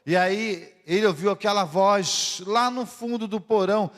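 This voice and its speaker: A man, a pastor preaching a fervent sermon with dramatic pauses, in a church. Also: high voice. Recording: echoey church hall.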